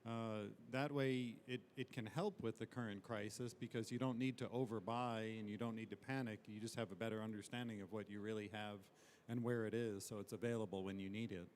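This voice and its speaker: A man speaks as a guest on an industry panel, laying out his views thoughtfully. There is faint rumbling noise behind him. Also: steady tone, a little fast. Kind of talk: panel discussion answer.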